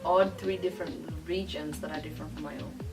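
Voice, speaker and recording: A woman's voice: low-pitched, fairly even intonation, fast talker, recorded from a distance, over loud music. A woman from Kenya, easygoing and chatty as a guest in a casual conversation. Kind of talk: casual group chat.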